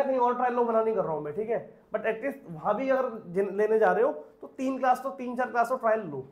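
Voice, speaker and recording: Guy teaching accounts really fast, high voice, echoey classroom, keeps asking and answering his own questions. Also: a little mellow. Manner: repeats questions and answers them himself. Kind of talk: classroom lecture.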